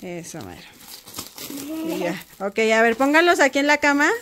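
A woman hosts a casual family vlog from a bedroom at home. She talks her children through each step with patience. Her voice sits a little high, and a faint noise runs under the recording. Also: very animated, normal speed, a bit bright. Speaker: mother and vlog host.

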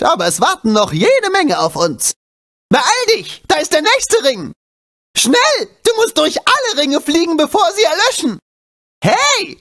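Heavily acted and high-pitched, this male voice belongs to a small, wisecracking animal sidekick in a video game. His intonation bounces wildly, and he's excitable, cheeky and urgent, piling on exclamations. He begins chatty and advising, then becomes excited and urgent.

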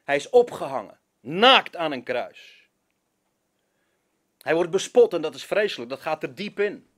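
Pastor from preaching, slow and lively, hits every word hard. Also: male voice, a little high. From Zeeland, Netherlands. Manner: switches between Dutch, English and French, emphatic preaching. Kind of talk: sermon.

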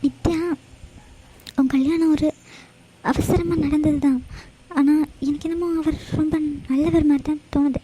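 A woman's voice: sits high, steady tone, unhurried, pauses often, dark tone, slight background noise, low-quality recording. A woman voicing a scolding, worried friend. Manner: scolding, exasperated. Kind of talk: cartoon voice acting.

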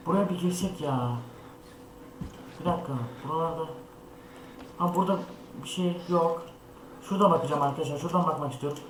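A man's voice: a little high, a little fast, long pauses. A young man hosting a horror game let's play, talking to his viewers in a jittery, scared way. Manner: jittery, talks to viewers, frequent scared remarks. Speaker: gaming channel host. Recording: echoey room with noise.

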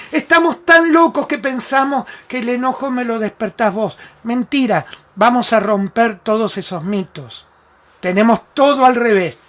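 A spiritual talk show host with an Argentine Spanish accent leads a live-streamed self-help talk, speaking emphatically and affectionately and addressing viewers by name. His voice is extremely high-pitched and a bit bright.

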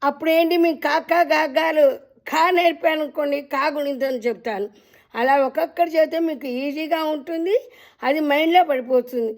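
A woman teaching the alphabet, chanting each letter name slowly and drawing out the sounds, and gently addressing her listeners. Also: high voice. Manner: drawn-out chanting of letter names. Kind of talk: slow teaching recitation.

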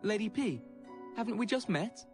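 A man's voice: high voice, lively intonation, moderate pace, a little mellow, faint music behind. An actor playing a sweet, playful young male artist in a romance game. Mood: playful, shy.

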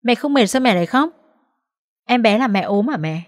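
A woman voicing a small, caring boy who speaks softly and politely in an audiobook. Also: a little high, expressive, moderate pace, dry recording, clean studio sound, pitched above the performer's own voice, close to an everyday voice. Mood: gentle, worried. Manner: soft, polite childlike asking. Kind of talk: audiobook character voice.

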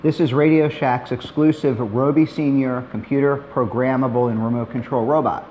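Relaxed middle-aged man explaining a build. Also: mid-range voice, moderate pace, a little hiss or hum. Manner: relaxed, plainspoken, dry asides. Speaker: maker demonstrating a robot build. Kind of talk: tutorial narration.

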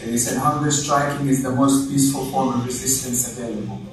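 Man, measured formal reading, panel, steady background noise. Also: medium pitch. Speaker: panel speaker. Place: lecture room. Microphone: far camera. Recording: echoey room from far off.

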